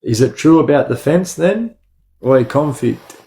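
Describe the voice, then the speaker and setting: Animated yet measured in pace, a medium-pitched man with a dark tone hosts a livestream from Sydney, Australia. His casual chat is blunt street slang, rambling and repetitive, with listeners often called bro or lad.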